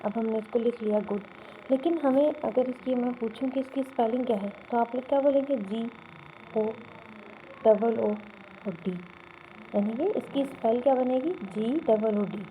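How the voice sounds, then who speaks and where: The sound is phone-quality with a touch of hiss or hum, and the woman's voice is fairly high with fairly even intonation. Teaching a beginner Quran reading lesson, she patiently has learners repeat and often asks "theek hai?" to confirm they follow.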